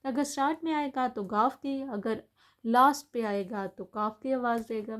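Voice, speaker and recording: A woman's voice: a little high, a bit bright. Woman teacher patiently explaining pronunciation. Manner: patient, repetitive explaining with fillers. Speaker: language teacher. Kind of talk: explaining German pronunciation lesson.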